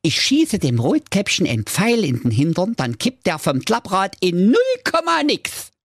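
An excitable little male dwarf agent boasts in a high, squeaky voice. He sounds dry and close, like a comic storybook recording. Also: measured pace, dry recording, exaggerated voice. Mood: eager.

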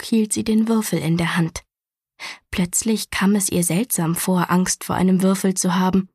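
A woman reads a children's novel aloud in a calm, even storytelling voice. Her pitch sits in the middle range, and the sound is dry and close with no room echo. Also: slightly rough. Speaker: audiobook narrator. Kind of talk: scripted storybook narration.

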